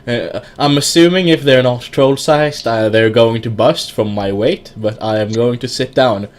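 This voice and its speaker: A man's voice: mid-range voice, measured pace. A man playing a tabletop role-play game, talking casually and correcting himself as he goes. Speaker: player.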